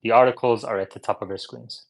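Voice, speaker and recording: A man's voice: medium pitch, steady tone, fast, creaky, no room sound, rough recording. A man hosting a casual live audio discussion, reading news articles aloud with offhand comments and fillers. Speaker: host of a live audio space.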